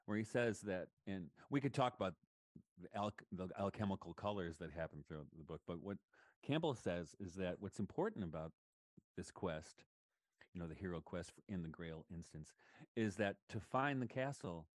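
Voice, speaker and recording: A college lecturer with a deep, animated voice talks at a moderate pace in a casual conversation, musing in a thoughtful, rambling way. He enthusiastically retells scenes, and the recording has no room sound.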